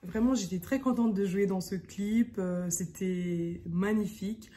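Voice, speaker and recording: A woman's voice: medium pitch, a little slow, noisy background. A young woman from French Guiana, an actress, chatting enthusiastically to camera in a casual vlog from an indoor apartment room. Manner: bubbly, enthusiastic, warm fillers. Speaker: actress vlogger.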